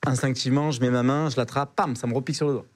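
A man's voice: medium pitch, fairly even intonation, racing, darkish tone. A young man, a podcast guest, telling an adventure story in a casual, slangy way, with lots of hesitations and repeated words.

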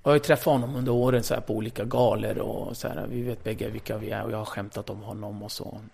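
Guy with a creaky gravelly voice, ex radio host telling stories in an interview, blunt, swears a lot, acts out who said what. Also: on the low side. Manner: lively, blunt, swears freely, acts out conversations. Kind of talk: casual storytelling in an interview.

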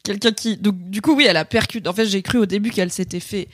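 Woman cohost chatting, thinks out loud, mid voice, dry close mic. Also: mid-range voice, quick pace, no room sound. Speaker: podcast co-host. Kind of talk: casual chat.

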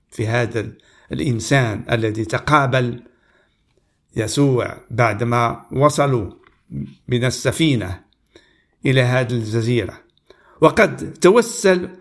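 A man preaching, reading Bible passages aloud in a measured, deliberate way and pausing to comment on them. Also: mid-range voice.

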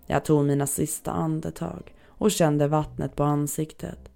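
A horror story narrator reading submitted tales in an even, measured delivery. The voice is gravelly with a dark, mellow tone. A faint music bed runs quietly under the reading. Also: medium pitch. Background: faint background music.

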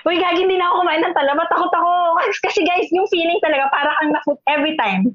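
A young woman from the Philippines, a podcast co-host telling an animated story in casual chat. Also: extremely high pitch, very fast, no echo, dull audio. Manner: animated storytelling, switches between Filipino and English.

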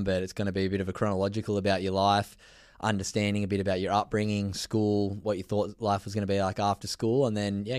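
An upbeat man hosts a casual podcast interview, chatty and friendly in tone. His voice sits fairly low. The sound is dry and close, with no room echo. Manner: upbeat, chatty, says mate a lot. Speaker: podcast host. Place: indoors, travelling in New Zealand.

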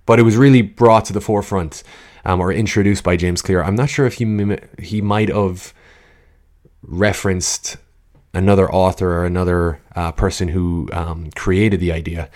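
A man's voice: low voice, steady tone, moderate pace, a little mellow. A man hosting a podcast, talking informally and chattily straight to his listeners into a good podcast microphone, drifting into tangents. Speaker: podcast host, coach. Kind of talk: casual solo podcast talk with scripted opening. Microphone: studio podcast microphone.

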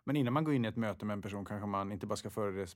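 A man guest in an interview, speaking reflectively and often posing rhetorical questions to himself. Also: on the low side. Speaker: guest, football referee.

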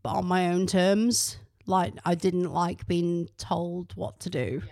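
A woman's voice: fairly low pitch, takes it slowly, creaky, darkish tone, dry recording, studio quality. A woman from the South Wales Valleys with a Welsh Valleys accent, chatting casually and bluntly as an interview guest, often at her own expense. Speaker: podcast guest, writer and musician.

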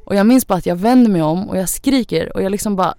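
A woman's voice: mid-range voice, dark tone, dry recording, studio quality. A young woman, a podcast guest, tells a personal story in casual chatty talk, full of fillers. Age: young adult. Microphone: studio microphone.

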